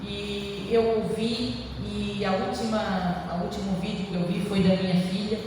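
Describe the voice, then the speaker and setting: A woman's voice: medium pitch, fairly even intonation, a little slow, noisy background. A woman giving a heartfelt personal testimony at a church service, often addressing the congregation directly. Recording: echoey church hall from far off.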